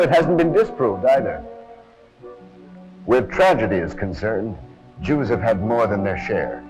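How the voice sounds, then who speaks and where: Presenting an army training film, a medium-pitched man reads dramatic, scripted documentary narration. The old film soundtrack is rough, harsh, and over-modulated.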